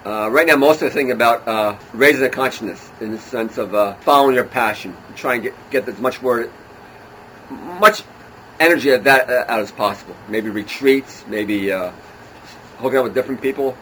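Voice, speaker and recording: A man in his sixties, a guest in a casual interview, who talks in an excitable, enthusiastic way. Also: medium pitch, moderate pace, a little hiss or hum, poor audio. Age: 60s.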